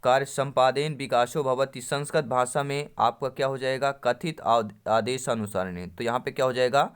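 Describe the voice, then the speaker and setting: Man teaching, smooth clear voice. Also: medium pitch, steady tone, moderate pace. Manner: reads Sanskrit options, then explains them in Hindi; addresses the viewers as friends and quizzes them. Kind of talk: exam-prep lesson.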